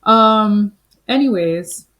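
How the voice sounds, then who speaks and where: A woman's voice: medium pitch, very slow, fairly bright tone, low-quality recording. A woman in her thirties from the Caribbean, telling a personal story in a chatty, reflective way, full of "like" and "you know". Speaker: spiritual vlogger.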